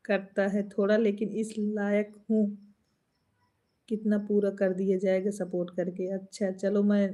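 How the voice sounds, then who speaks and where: A woman's voice: medium pitch, dark tone. A woman folk singer with an Awadhi Hindi accent, chatting at home on a live stream, laughing often and answering viewer comments.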